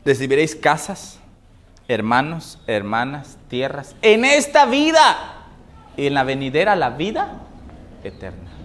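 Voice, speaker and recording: A man preaching a sermon, asking the congregation questions and answering them, moving between loud emphatic scripture reading and low, quiet asides. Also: huge pitch swings, measured pace. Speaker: pastor.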